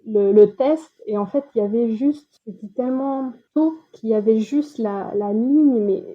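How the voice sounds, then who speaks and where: A French woman in her late thirties chats as a podcast guest over a tinny, phone-like line. Her voice sits fairly high and sounds a little husky. She talks loosely, with plenty of fillers and restarts. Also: a little slow. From France. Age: 30s. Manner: chatty, many fillers and restarts, laughs easily. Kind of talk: casual interview chat.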